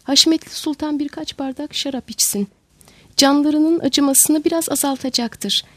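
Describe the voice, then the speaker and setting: A calm older court physician speaks in soothing, measured words, read by a woman narrator. Her voice is high and the sound is dry and close to the mic. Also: no room sound, natural voice.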